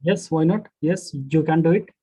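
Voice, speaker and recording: A woman's voice: deep voice, moderate pace, mellow, husky, rough recording. A woman with a North Indian accent teaching a class, answering questions in a reassuring, instructive way and mixing two languages. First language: Hindi. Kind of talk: answering students in Hindi-English mix. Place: online group class call.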